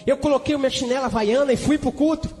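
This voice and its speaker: A man's voice: very high voice, quick pace, a little mellow, big-room sound. A Brazilian man preaching a testimony with fervent emotion, punctuating it with hallelujahs and speaking in tongues. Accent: Brazilian Portuguese. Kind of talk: church testimony.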